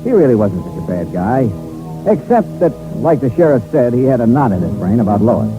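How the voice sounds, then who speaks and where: In a 1950s radio detective drama, a man with an American accent plays a shrewd, sardonic insurance investigator, his clipped, dry lines brisk and wry, reflective in mood. His mid-range voice swings widely in pitch yet stays close to an everyday sound. The old recording is narrow-band, with music.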